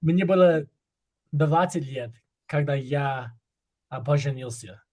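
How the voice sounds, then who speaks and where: A man's voice: fairly high pitch, takes it slowly, a little mellow. Hesitant young man practicing a language. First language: English. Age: 20s. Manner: hesitant, searching for words. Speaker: student. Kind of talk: conversation practice in a second language.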